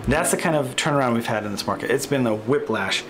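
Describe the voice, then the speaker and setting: A man's voice: mid-range voice, animated, quick pace, over music. A man in his thirties, a real estate agent, giving a casual screen-share market update, thinking aloud with fillers and self-corrections.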